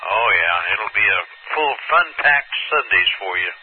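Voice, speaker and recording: A man with a fairly low voice chats casually over amateur radio. He is easygoing and folksy, and tends to ramble. The audio is thin and phone-like, with faint noise underneath. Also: expressive, unhurried.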